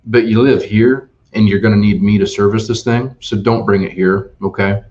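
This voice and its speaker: A man's voice: fairly low pitch, steady tone, moderate pace, a little mellow, muffled recording, lightly acted. A man playing a rude, dismissive car-lot salesman. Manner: blunt, dismissive.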